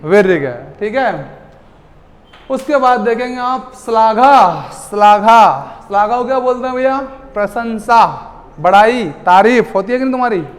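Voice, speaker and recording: High-voiced man lecturing in a hall. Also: unhurried. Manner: lively, asks the class questions and answers them himself. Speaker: teacher. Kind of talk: classroom lecture. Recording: long hall reverb.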